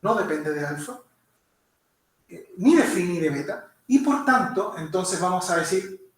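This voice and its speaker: High-voiced teacher in echoey room. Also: male voice, lively intonation, measured pace. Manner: keeps checking understanding with tag questions. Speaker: physics teacher. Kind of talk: lecture. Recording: very echoey room, mic far off.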